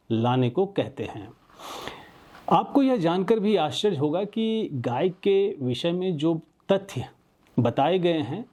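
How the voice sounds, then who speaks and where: A man narrates a prepared script in a measured, earnest way. His delivery is slow and unhurried, with a mellow, darker tone and his pitch sitting slightly high. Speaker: presenter.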